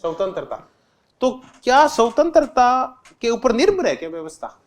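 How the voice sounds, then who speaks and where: A man's voice: extremely high pitch, very animated, moderate pace. A man teaching an exam-prep lecture, constantly asking the class questions and answering them himself, repeating key terms with simple examples. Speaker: political science teacher.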